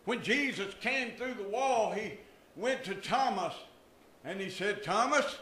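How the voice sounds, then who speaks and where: A man's voice: high-pitched, expressive, a little slow, bright, forceful tone, slight background noise. An older man preaching a sermon from a church pulpit, with emphatic rises and drops in his voice. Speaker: pastor. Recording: echoey church room.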